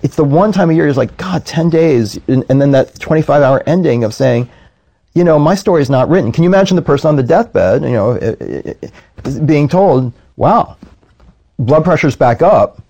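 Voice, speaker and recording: A man's voice: on the high side, expressive, normal speed, vocal fry, mellow. A man speaking as a rabbi in a reflective conversation, earnest, slipping into quoted voices as he tells stories.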